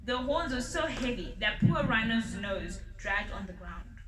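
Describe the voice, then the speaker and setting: A woman reads a children's story aloud at an unhurried pace, stumbling now and then and starting words over. Her voice sits a little high. The recording is roomy, and she sounds some way off from the mic. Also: lively intonation, distant mic, background noise. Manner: unhurried, with small slips and restarts. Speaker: storybook reader.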